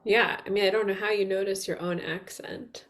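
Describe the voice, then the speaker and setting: A woman's voice: mid-range voice, fairly even intonation, normal speed. A woman from Long Island, a mother, co-hosting a podcast in casual, playful conversation and laughing often. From Long Island, New York. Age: young adult to middle-aged, a mother. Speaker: podcast co-host.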